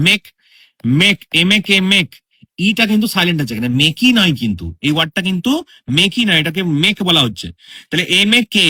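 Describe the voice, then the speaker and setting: Fast, bright-voiced male English tutor. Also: a little high. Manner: explains step by step, repeats rules, checks understanding. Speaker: English teacher. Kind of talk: spoken English grammar lesson in Bengali.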